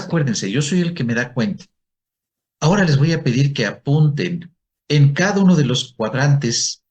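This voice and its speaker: A male psychologist giving a workshop to an audience, asking questions and answering them himself. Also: mid-range voice. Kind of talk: presentation talk to an audience.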